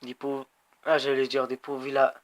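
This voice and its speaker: A man playing a cycling game, commentating excitedly, swearing and cheering his riders on. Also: mid-range voice, moderate pace. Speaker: gamer. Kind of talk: let's-play commentary. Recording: background noise.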